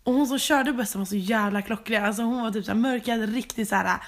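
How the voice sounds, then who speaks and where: A young woman in casual chat, asking questions and telling a travel story, often dropping in English words. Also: on the high side. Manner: chatty, drops English words, many filler "typ".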